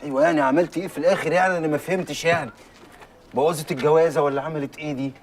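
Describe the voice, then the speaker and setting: A man's voice: fairly high pitch, steady tone, racing, noisy background, lightly acted. An actor playing a greedy, pushy son with an Egyptian accent, eagerly coaxing his mother. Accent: Egyptian Arabic. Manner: eager, wheedling.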